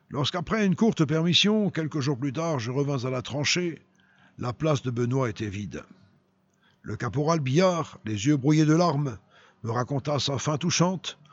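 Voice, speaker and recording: A man reading a story aloud in a sermon, with expressive, dramatic delivery. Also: mid-range voice, dull audio.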